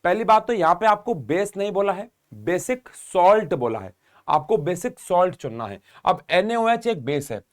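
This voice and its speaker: A man's voice: high voice, sing-song, moderate pace. A young man teaching an exam-prep chemistry lesson, explaining step by step and speaking straight to his students.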